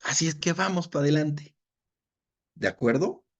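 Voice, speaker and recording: Husky-voiced man teaching Bible study. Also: a little high, animated, moderate pace, highs cut off. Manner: checks in with listeners often; reads verses aloud, then explains them.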